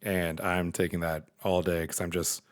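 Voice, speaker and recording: A young man co-hosting a casual podcast chat, energetic and quick to laugh. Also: deep voice. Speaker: podcast co-host.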